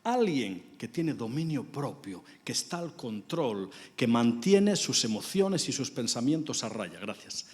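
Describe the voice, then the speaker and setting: A man's voice: medium pitch, sing-song, unhurried, hardly any pauses. A man preaching a sermon in a church, telling personal stories and shifting between near-whispers and raised, emphatic phrases. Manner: storytelling, swings from hushed whispers to raised emphatic lines. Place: large church hall. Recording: reverberant church hall.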